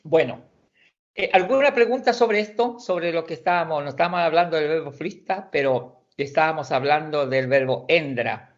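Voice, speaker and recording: A man teaching an online language class, explaining slowly and patiently, with frequent restarts and repeated words. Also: fairly high pitch, highs cut off. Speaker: Swedish teacher.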